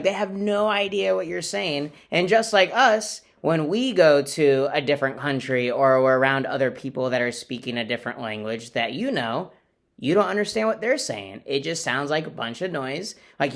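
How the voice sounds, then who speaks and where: A man's voice: on the high side, creaky, a bit bright. A man, a teacher, reading a picture book aloud to children in a friendly, explaining way. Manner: friendly, explains to kids, playful sound effects.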